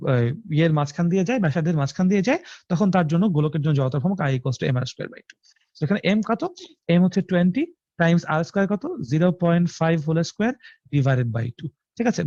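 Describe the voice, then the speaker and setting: A man's voice: fairly high pitch, darkish tone, no echo, dull audio. A young man with a Bangladeshi Bengali accent teaching a live online physics class, colloquial and repetitive, mixing in English terms. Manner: colloquial, mixes English terms, repeats phrases.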